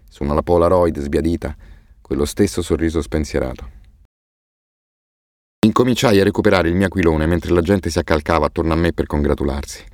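Male audiobook narrator, very deep voice, expressive and measured, dry studio read. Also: dry recording. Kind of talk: scripted narration.

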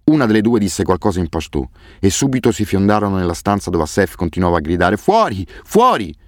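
A man reading a first-person novel aloud as an audiobook narrator, in a grave, measured way. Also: sits low, darkish tone, dry recording, studio quality. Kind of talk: scripted narration.

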